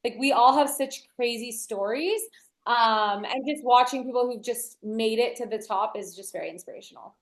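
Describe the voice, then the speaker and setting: Her voice runs on the high side at normal speed, with a reverberant sound, as this young DJ and entrepreneur chats casually as a podcast guest. She's upbeat and fills her speech with "like," an American raised in a Brazilian family with Portuguese as her first language.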